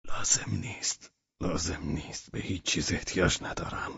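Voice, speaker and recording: A man's voice: deep voice, vocal fry, fairly bright tone, slightly rough, no room sound, full character voice. A man voicing an exhausted sick man in a whispered role-play, speaking in a faint, breathless whisper, in a dull lo-fi recording. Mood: weak.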